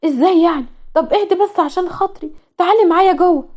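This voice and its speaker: A woman's voice: extremely high pitch, quick pace, mellow, voice pushed up. A woman with an Egyptian accent voicing a scheming young woman who talks in a coaxing, falsely sweet way. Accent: Egyptian Arabic.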